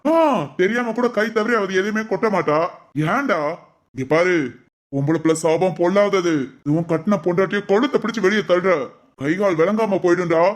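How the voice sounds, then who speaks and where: A stern, righteous father-in-law in a family cartoon, voiced by a man. He lectures indignantly in a rather high voice. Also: moderate pace, close to an everyday voice. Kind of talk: cartoon voice acting.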